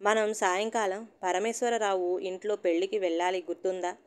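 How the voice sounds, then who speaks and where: Calm reasonable middle-aged husband, as a woman reads him, patient, a bit baffled. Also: mid-range voice, normal speed, lightly acted. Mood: mild.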